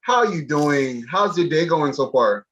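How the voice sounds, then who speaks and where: An enthusiastic American talk show host in his thirties interviews a guest informally over video from a small room indoors. He has a fairly high, animated, slightly bright voice and talks at a normal pace. The video-call sound is a little dull.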